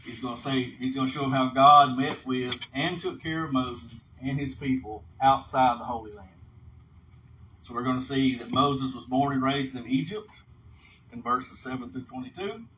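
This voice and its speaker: In an informal Bible lesson, a teacher with a mid-range, sharp voice reads aloud and explains at normal speed, regularly asking a brief "okay?". The sound is dull and lo-fi, with a little background noise.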